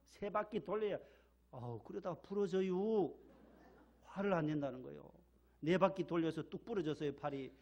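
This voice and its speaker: Gravelly male pastor preaching. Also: on the high side, fairly quick, dull audio. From Gyeongsang region, Korea. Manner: emphatic, repeats key words, leads call-and-response. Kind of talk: sermon. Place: church sanctuary.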